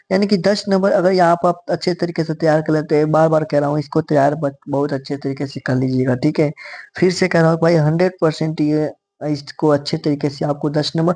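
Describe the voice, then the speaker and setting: A man's voice: a little high, darkish tone. A man with a sore throat teaching an exam-prep lesson, talking casually and often repeating "theek hai". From north India. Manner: casual, repeats "theek hai" and "bhai", reads verse slowly.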